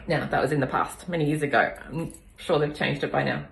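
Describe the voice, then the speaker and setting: A middle-aged woman with a cold, calmly explaining and demonstrating a kinesiology balance on herself. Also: deep voice, creaky, noisy background. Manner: calm, explanatory, counts slowly. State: has a cold. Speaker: kinesiology practitioner. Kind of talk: demonstration with instruction. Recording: echoey room.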